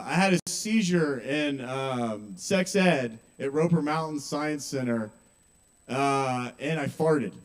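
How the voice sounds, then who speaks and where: A young man doing stand-up comedy at an open mic, talking casually, swearing and checking in with the audience. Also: mid-range voice. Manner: conversational, asks the audience questions, swears. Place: small kava bar with live audience.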